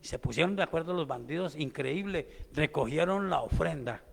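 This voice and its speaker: High gravelly pastor preaching. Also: male voice, animated, normal speed, big-room sound. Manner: impassioned preaching that swings from hushed storytelling to shouting. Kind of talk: sermon. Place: church sanctuary.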